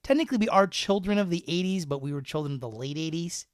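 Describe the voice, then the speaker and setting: A man's voice: on the high side, expressive, fast talker, dry recording, studio quality. A man in his thirties hosting a casual podcast, laughing often as he reads slang definitions with jokey examples. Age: 30s. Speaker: podcast host.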